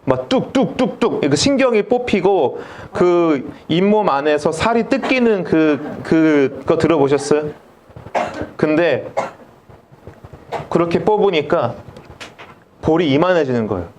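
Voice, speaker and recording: A man's voice: a little high, lively intonation, measured pace, darkish tone, a little hiss or hum. A middle-aged male pastor telling a comic story in a sermon and acting out the dialogue.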